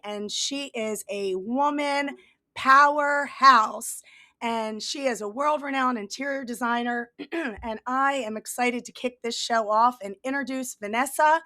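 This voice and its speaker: A woman hosts her podcast with a raspy, hoarse voice from a cold. Her tone is bright and forceful, sitting somewhat high, and she gushes with enthusiasm. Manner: upbeat, enthusiastic, gushing. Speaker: podcast host. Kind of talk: energetic podcast hosting.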